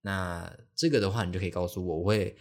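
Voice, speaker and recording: Young man, low voice, casual podcast storytelling. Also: steady tone, fast, darkish tone. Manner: rambling, lots of fillers and restarts, acts out quoted voices. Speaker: podcast host.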